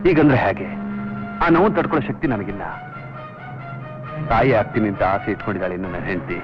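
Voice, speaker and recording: An actor playing a distressed husband who pleads emotionally with a doctor. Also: male voice, fairly low pitch, very animated, quick pace. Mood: pleading. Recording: dull old film soundtrack with music.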